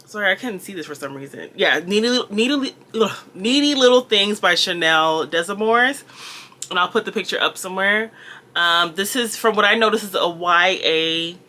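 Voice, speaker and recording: A Jamaican-born book reviewer with an American Valley girl accent talks casually about books, rambling with lots of fillers and laughs. Her medium-pitched voice is animated and sharp in tone, at normal speed.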